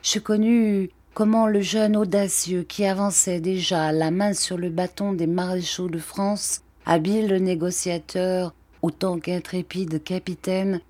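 Slow, low-voiced woman reading a novel. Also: mellow, no echo. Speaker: audiobook narrator. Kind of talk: audiobook reading.

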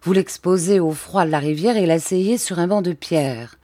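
A woman's voice: fairly low pitch, moderate pace, mellow, no echo, studio quality, close to an everyday voice. A woman reading the lines of a gloomy, bitter middle-aged count who talks in a curt, sour, self-justifying way.

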